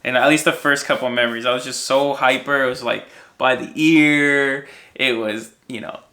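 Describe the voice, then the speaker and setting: This young American man, raised in Minnesota, rambles through personal stories with self-deprecating humor as a podcast guest and co-host. His medium-pitched voice stays steady at a moderate pace, bright and forceful.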